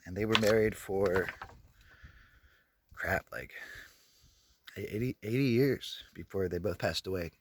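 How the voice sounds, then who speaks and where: A deep-voiced man in his thirties, fairly bright in tone, speaks at a measured pace with frequent pauses over slight background noise. Filming on a handheld camera while walking outdoors at a skate park, the travel vlogger casually recounts his family history in a rambling, candid way, frequently correcting himself.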